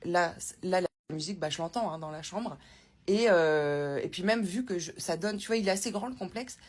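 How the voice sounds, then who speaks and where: A woman's voice: on the low side, moderate pace. A woman vlogging casually from a hotel room, rambling and chatty with many fillers and restarts, recorded on a handheld phone. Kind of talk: casual travel vlog chat.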